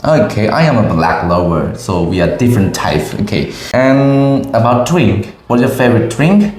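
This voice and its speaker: A woman's voice: rumbling low, expressive, normal speed, a little mellow. A young adult woman from Cambodia with a Khmer accent, an English teacher asking a child simple questions. She speaks patiently, repeats each answer back and praises often. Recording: echoey room.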